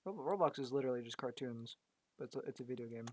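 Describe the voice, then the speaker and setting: A man's voice: mid-range voice, fast talker, darkish tone, a little hiss or hum. Guy talking thru his art project, kinda losing his voice, keeps repeating words, just chatting. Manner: thinks aloud, stammers and repeats words. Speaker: graphic artist. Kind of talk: casual commentary while working.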